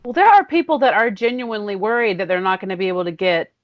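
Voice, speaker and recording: A woman's voice: medium pitch, animated, fast, no room sound, studio quality. A woman co-hosting a podcast in casual chat, chatty and self-mocking. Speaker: podcast co-host.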